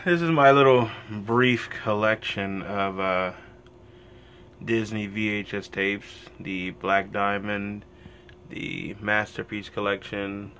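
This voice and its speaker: Walking through a small wood-panelled room with his phone camera in hand, a man gives a casual filmed tour of his collection, listing items slowly and offhandedly with plenty of fillers. His lowish voice sounds pushed and bright, with slight background noise.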